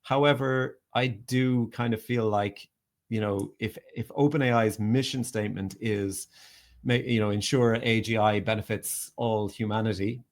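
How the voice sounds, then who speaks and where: Skeptical low-voiced man co-hosting. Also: fairly even intonation, unhurried. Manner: skeptical, thoughtful, laughs while talking. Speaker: podcast co-host. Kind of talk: casual podcast debate.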